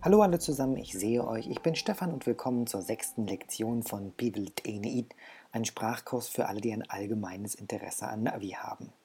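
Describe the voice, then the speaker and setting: A man's voice: fairly low pitch, normal speed, a little mellow, breathy edge. A man teaching a language course, patiently explaining and repeating example words for his learners.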